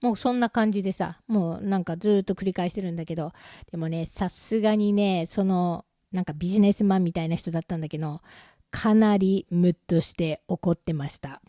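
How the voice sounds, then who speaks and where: A Japanese woman telling a casual story in a chatty, self-mocking way, with lively asides to her audience. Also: fairly low pitch, a little fast, no room sound, clean studio sound. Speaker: vlogger.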